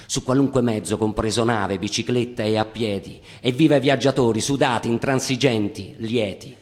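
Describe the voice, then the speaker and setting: Male reader, mid-pitched, deliberate literary recitation, long hall reverb. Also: fairly even intonation. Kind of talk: dramatic reading of literary prose.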